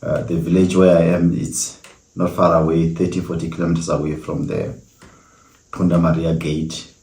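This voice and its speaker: Very deep, flat-voiced South African man. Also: creaky. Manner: earnest, reflective storytelling with many pauses. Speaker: podcast host. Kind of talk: solo podcast monologue. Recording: echoey room.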